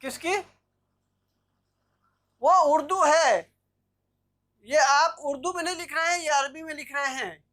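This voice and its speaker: She is explaining Arabic grammar step by step to a live online class over video call, often checking with "theek hai na" that everyone follows. Her high, fairly bright voice moves at a measured pace with frequent pauses.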